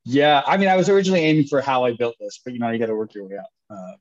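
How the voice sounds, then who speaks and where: A man's voice: medium pitch, very fast. A man in his thirties, an entrepreneur guest chatting casually, upbeat and joking. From Canada. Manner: upbeat, joking, laughs often. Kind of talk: casual interview chat. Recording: dull lo-fi sound.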